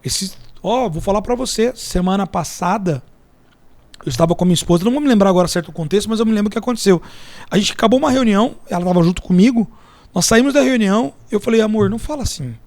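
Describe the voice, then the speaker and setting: With a high, slightly mellow voice and a fast delivery, this Brazilian podcast guest talks casually, recounting stories and parables with acted-out dialogue. He's an entrepreneur and mentor with a Brazilian Portuguese accent, and there's no echo.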